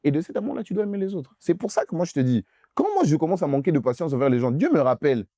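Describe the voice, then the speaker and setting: Animated young preacher man, warm dry voice. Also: on the high side, rapid-fire, no echo. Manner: emphatic, repeats phrases insistently, addresses listener directly. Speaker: pastor. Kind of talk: preaching in a youth Q&A session.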